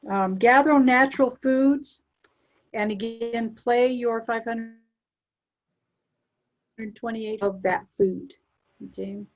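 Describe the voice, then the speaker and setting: A woman giving gentle spiritual guidance in a casual chat, soft-spoken and instructive, often trailing off quietly. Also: fairly high pitch, slow pace, pauses often, lo-fi sound. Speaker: spiritual channeler.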